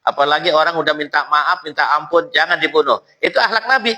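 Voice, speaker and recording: A man preaches in a loose, colloquial way, bright and forceful in tone. His voice sits a little high for a man, and he keeps the room engaged with humour and acted-out asides. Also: fast talker, rough recording. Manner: lively, jokey, colloquial, acts out quotes. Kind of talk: mosque study-circle sermon.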